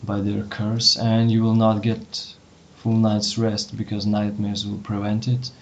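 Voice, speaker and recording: A man narrating a tabletop game as game master, speaking in a measured, warning tone with pauses. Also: lowish voice, monotone, muffled recording.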